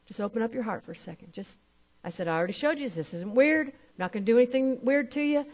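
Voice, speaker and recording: Woman minister, sermon testimony, lively retelling of a conversation. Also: a little high, fast talker. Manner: storytelling, acting out both sides of conversations.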